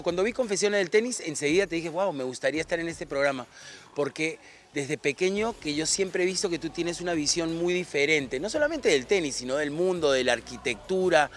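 Higher-voiced man reminiscing on a court. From Argentina. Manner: reflective, warm-hearted, rambling with restarts. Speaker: guest. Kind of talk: relaxed outdoor interview chat. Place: outdoor tennis court. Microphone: handheld microphone.

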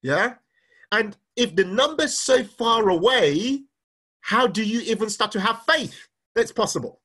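A high, bright male voice with a husky edge. He speaks with the energy of a live teacher, repeats his questions and reads comments aloud to his viewers. His pitch swings widely as he pushes them to think. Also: lively intonation, measured pace. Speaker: finance speaker. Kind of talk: live-streamed teaching talk.

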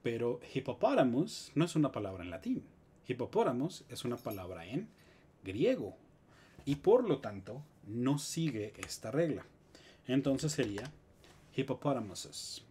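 A man with a Mexican Spanish accent, teaching English grammar in a live stream with lively explanations and joking asides. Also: mid-range voice, moderate pace, husky.

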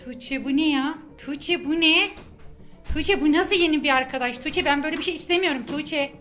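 Woman doing a scolding mom in a kids' skit, high voice, keeps saying her kid's name, music under it. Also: normal speed, fairly bright tone. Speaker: mother in a family skit. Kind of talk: acted children's family skit. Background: background music.

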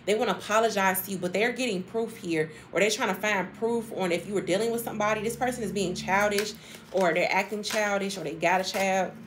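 Woman doing a laid back tarot reading, talks fast and emphatic, repeats herself a lot. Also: medium pitch, noisy background. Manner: chatty and emphatic, repeats phrases, laughs often. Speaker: tarot reader. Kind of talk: casual tarot reading to viewers.

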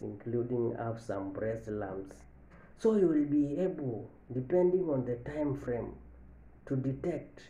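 Man in his thirties, very slow, very dark mellow voice, health lesson, repeats points, echoey office. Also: mid-range voice. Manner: repeats each point slowly, stressing key lines. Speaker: medical educator. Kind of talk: health education talk to camera. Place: office with large window, indoors. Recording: echoey room.

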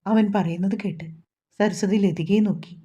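A woman with a Malayalam accent reading a romantic novel aloud as narrator, voicing every character in a fairly even tone. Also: medium pitch, moderate pace, slightly rough, dull audio. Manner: reads all characters' dialogue in a mostly even voice. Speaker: story narrator.

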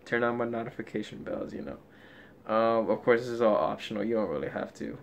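A man's voice: fairly low pitch, brisk, gravelly. A young man chatting to his vlog audience in a laid-back, slangy way. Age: young adult. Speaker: vlogger. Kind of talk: casual vlog chat. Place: small rooms at home, car. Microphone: phone at arm's length. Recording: faint background noise, phone recording.

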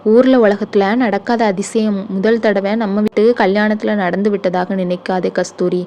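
A woman voicing a stern, proud older brother who scolds and gives gruff orders, in an audiobook reading. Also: medium pitch, steady tone, moderate pace, dark tone, a little hiss or hum, close to an everyday voice. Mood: scolding.

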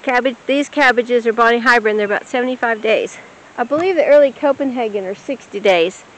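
A woman explaining how to plant and feed cabbages in a relaxed, practical way, recorded outdoors in a rural garden. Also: fairly high pitch, poor audio. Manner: relaxed and practical, with filler pauses. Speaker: homestead vlogger.

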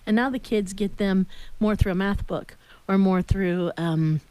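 A woman's voice: mid-range voice, fairly even intonation, a little slow, darkish tone, smooth, no room sound, low-quality recording. A middle-aged American woman hosting a conversational radio talk show, explaining things earnestly into a studio microphone. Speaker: talk radio host and educator. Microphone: studio boom microphone with headphones.

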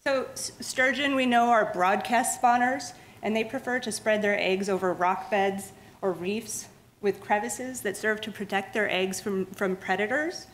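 This is a woman's medium-pitched voice, measured in pace, as she presents a public science lecture in a lecture room in her role as a museum lecturer. She explains steadily but keeps restarting words and adding fillers, and the low-quality recording has slight background noise.

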